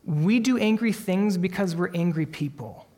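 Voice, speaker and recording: A man's voice: sits high, darkish tone. Earnest preaching man in a reverberant hall. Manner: earnest, emphatic preaching with slow dramatic pauses. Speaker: pastor. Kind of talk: sermon.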